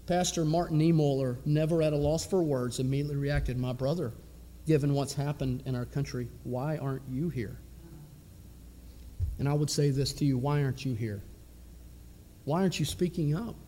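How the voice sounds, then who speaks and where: A man preaching with fervor, firing rhetorical questions at his congregation. His voice sits a little high yet sounds dark and mellow. It rings out with a long reverb, as in a large church hall. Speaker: pastor. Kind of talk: sermon.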